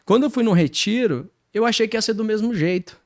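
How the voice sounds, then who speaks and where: A man with a Brazilian accent giving a personal faith testimony, telling his story in a lively way and acting out his own past words. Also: high voice, brisk, no echo, studio quality. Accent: Brazilian Portuguese.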